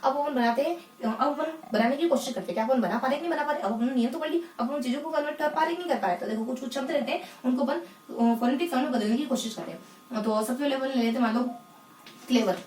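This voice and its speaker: A woman teaching English phonetics in a lesson, asking the class questions and answering them herself, and repeating key words slowly. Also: sits high, a little mellow, roomy sound, recorded from a distance, slight background noise. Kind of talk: explanatory lesson in Hindi.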